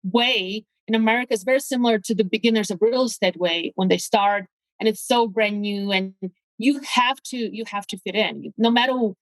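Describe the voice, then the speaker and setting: Here an enthusiastic real estate agent from Latvia talks fairly quickly in a mid-range voice, using English as her second language with a Latvian accent. On this casual interview she keeps repeating words while reaching for phrasing, captured in poor audio with no room sound.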